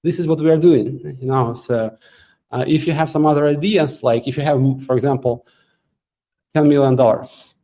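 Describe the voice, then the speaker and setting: Male host, middle-aged, warm low-key voice, halting and filler-heavy live Q&A delivery. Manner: halting, many fillers and restarts, occasional laughs. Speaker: AMA host answering community questions. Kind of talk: casual live Q&A.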